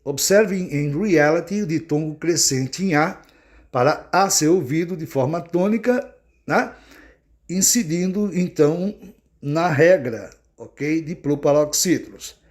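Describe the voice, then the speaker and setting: A man from Brazil gives an English pronunciation lesson. His voice sits somewhat high. He keeps checking in with his listeners and slows right down to sound out the English example words. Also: lively intonation. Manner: didactic, repeats checks like "né?" and "ok?". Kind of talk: explanatory lesson.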